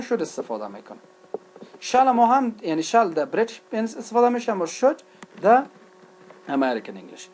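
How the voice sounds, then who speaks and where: A man's voice: high voice, a little mellow. A man with an Afghan accent, a native Dari speaker, lecturing on English grammar. He switches between Dari and English and asks questions, then answers them himself. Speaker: English teacher. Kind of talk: recorded lecture.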